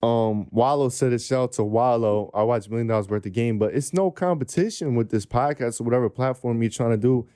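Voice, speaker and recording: A young man in his twenties hosts a podcast, with a mellow, dark tone. He speaks in a relaxed, sincere way and uses casual slang. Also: medium pitch, fairly quick, hardly any pauses, clear, resonant tone. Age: 20s. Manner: relaxed, earnest talk with slang. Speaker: podcast host.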